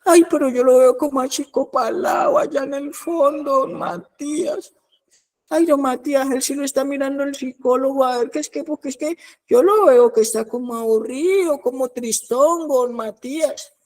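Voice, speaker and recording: A man's voice: normal speed, a little mellow. Man mimicking a whiny fretful mother. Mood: whiny pleading. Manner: whiny, high falsetto, pleading and repetitive. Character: fretful doting mother pleading about her son. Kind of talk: mocking impersonation in a sermon.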